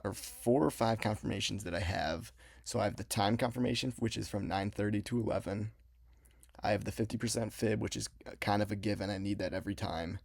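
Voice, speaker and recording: Young male vlogger, low creaky voice, casual explainer delivery, mouth numb from dental work, close dry sound. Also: dry recording. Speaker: trading vlogger. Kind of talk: casual explanatory vlog talk.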